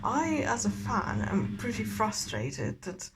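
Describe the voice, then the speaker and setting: Drunk woman ranting over clearly audible noise. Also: a little high, wildly swooping pitch, takes it slowly. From Eastern Europe. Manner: opinionated, sweary, rambling. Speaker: vlogger and novelist. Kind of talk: casual rambling rant. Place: in a bathtub in a bathroom at home. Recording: clearly noisy bathroom ambience.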